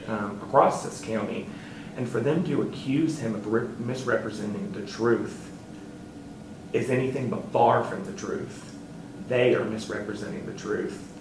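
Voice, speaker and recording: A man who sits on a school board, answering interview questions earnestly and haltingly, with fillers, and turning emphatic. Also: fairly low pitch, reverberant, recorded from a distance, background noise.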